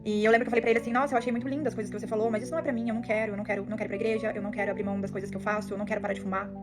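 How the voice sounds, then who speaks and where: A woman's voice: medium pitch, level tone, music in the background. A young woman telling her personal faith testimony in an earnest, emotional way. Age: young adult. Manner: emotional, earnest, fast-flowing storytelling. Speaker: testimony speaker.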